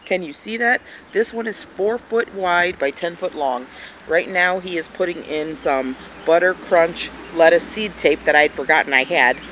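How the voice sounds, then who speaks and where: A woman giving a casual, excitable tour of her backyard garden, recorded on a handheld phone outdoors. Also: lowish voice, moderate pace, rough recording. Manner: chatty, excitable, self-deprecating. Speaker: gardening vlogger. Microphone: handheld phone camera. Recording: outdoor phone audio with background noise.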